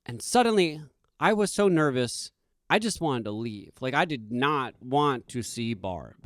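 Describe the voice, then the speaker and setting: A man from Boston telling a self-deprecating personal story as a podcast host, animated and emphatic. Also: medium pitch, measured pace, no room sound, studio quality.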